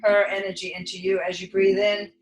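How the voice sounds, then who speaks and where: Woman doing guided meditation, slow n hushed, pretty flat pitch, lots of echo, faint music under it. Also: background noise. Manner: slow, hushed spiritual delivery with long pauses. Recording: echoey reverb over soft music.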